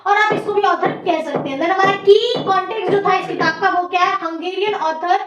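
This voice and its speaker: Casting note: young Indian woman, very high voice, loud exam-coaching teacher, echoey room, heard from far off. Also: normal speed. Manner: talks loudly over background noise, many "theek hai" checks. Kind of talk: exam-prep class lecture. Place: teaching room near construction work.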